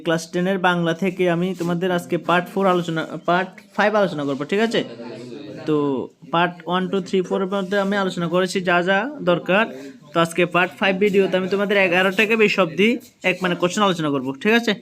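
Young male tutor, Tripura Bengali accent, high voice, repetitive exam walkthrough. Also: steady tone, quick pace, fairly bright tone. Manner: repeats each answer, checks with "right?". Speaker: teacher.

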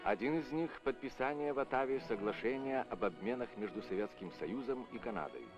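A man reading formal scripted narration in a measured official tone, as an old Soviet newsreel voice-over. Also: medium pitch, expressive. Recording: dull lo-fi old film soundtrack with music. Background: music.

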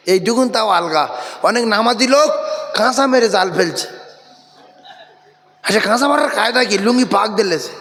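A man from preaching a lively sermon, playfully telling stories and calling on the crowd to repeat after him. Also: high voice, long reverb tail. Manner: animated, calls on the crowd to repeat loudly. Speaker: Islamic preacher. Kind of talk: Bengali waz sermon.

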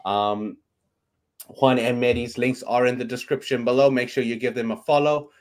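Speaking at a moderate pace with fairly even intonation, a thirty-something South African podcaster, Afrikaans being his native tongue, talks sports casually from his bedroom. His mid-range voice sounds a little mellow, picked up by a webcam on a video call, and his chatty delivery wanders with plenty of ums.

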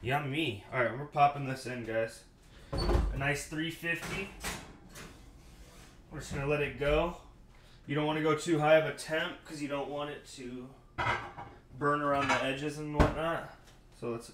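A man's voice: on the high side, steady tone, moderate pace, long pauses, reverberant. A man in his thirties chatting casually as he cooks in a small home kitchen and answers live chat. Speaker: cooking show host. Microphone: fixed camera mic, host moves around. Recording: noisy kitchen, running water.

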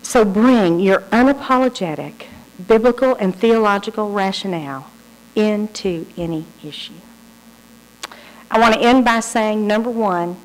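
Woman giving a talk, lively storyteller, does the voices of people in her stories. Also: medium pitch, poor audio. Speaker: speaker. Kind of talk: lecture with storytelling.

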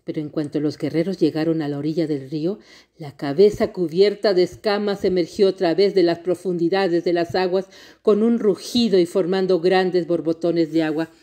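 A woman storyteller reading a folk tale aloud with expressive, dramatic narration. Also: on the low side, moderate pace.

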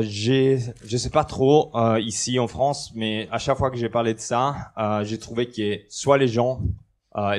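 Through a headset mic in a big conference hall, an Italian-born presenter in his 30s walks the audience through a technical topic. He speaks Italian natively, and his lowish voice stays relaxed and joking amid frequent hesitations.

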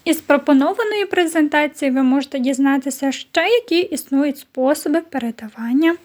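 A woman from Ukraine teaching a recorded online lesson to young pupils. Her voice sits high and light, and she gives each instruction slowly and clearly. She keeps turning to the children with questions. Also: a little mellow. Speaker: primary school teacher.

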